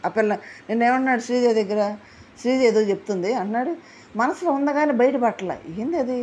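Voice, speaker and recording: A woman gives a casual, animated recap of a reality show. She acts out what people said and asks rhetorical questions. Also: fairly high pitch, brisk, a little hiss or hum. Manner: animated retelling, acting out quotes, asking rhetorical questions. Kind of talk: casual spoken recap and commentary.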